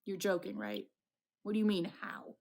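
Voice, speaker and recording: A wounded romantic hero as acted by a woman in a visual novel, flirtatious and full of theatrical bravado. The voice has a noticeable creak and sits at an ordinary pitch for a female reader. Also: little pitch movement, normal speed, darkish tone. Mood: playful bravado. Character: Julian, wounded flirtatious man, dramatic and lovestruck narrator. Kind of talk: dramatic visual novel reading.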